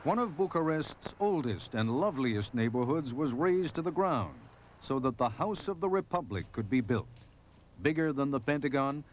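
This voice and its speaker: A man narrating a television news documentary in a measured, solemn scripted delivery. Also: mid-range voice, a little hiss or hum.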